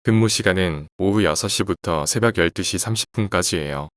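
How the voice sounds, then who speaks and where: A man narrating horror stories for a horror radio channel, reading in a measured, subdued way. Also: low voice, dry recording, clean studio sound.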